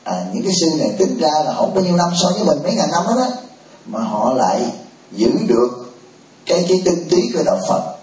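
A man's voice: on the high side, very animated, fast talker, darkish tone. A man, a Buddhist monk, leading a group discussion in a casual, joking way. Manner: informal, chatty, joking asides. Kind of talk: moderating a temple discussion. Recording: roomy hall, from a distance.

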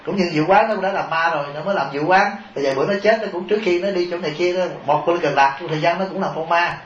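Heard on an echoey, dull tape, this monk's high, slightly bright voice races along through a funny sermon. He keeps chuckling and asking his audience rhetorical questions.

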